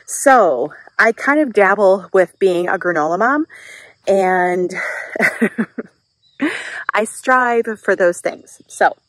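Midwestern mom vlogger, 30s, upbeat and self-deprecating, handheld outdoor garden tour. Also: female voice, medium pitch, expressive, drawn-out words, pauses often, a bit bright, dry recording, rough recording. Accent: Midwestern American. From Wisconsin. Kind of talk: casual chat while gardening. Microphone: handheld camera.

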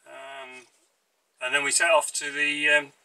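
A middle-aged man recaps his day on a sailboat in an easygoing, halting way. His voice is very bright and forward, and it sounds dry and close. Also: mid-range voice, little pitch movement, creaky, dry recording, poor audio. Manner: easygoing, hesitant with many ums. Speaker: sailing vlogger. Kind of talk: casual chat. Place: outdoors on a sailboat deck.

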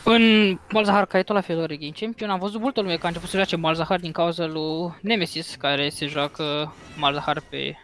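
A man's voice: on the high side, fairly even intonation, hardly any pauses, fairly bright tone, a little hiss or hum. A man explaining his gameplay plainly as a guest player. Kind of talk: casual gaming commentary.

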